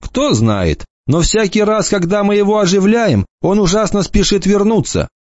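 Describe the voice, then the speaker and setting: A man's voice: high voice, big pitch swings, moderate pace, a little mellow, no echo, muffled recording, voice pushed up. A man voicing a sly, grumpy teenage boy who mocks and bosses the others, in an audiobook reading. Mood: scolding. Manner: mocking, bossy.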